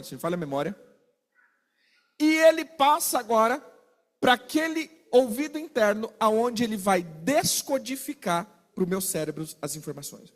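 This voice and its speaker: A man preaching a sermon, animated, asking his listeners questions and acting out little exchanges. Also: high-pitched, in a large hall. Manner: animated, asks the congregation questions and acts out quarrels.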